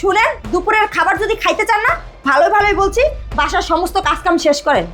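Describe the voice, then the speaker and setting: A woman's voice: extremely high pitch, fast, faint music behind. A woman playing a bossy young wife who nags and scolds her silent mother-in-law, speaking with a Bangladeshi Bengali accent in an amateur short drama. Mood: scolding. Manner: scolding, nagging, shouting.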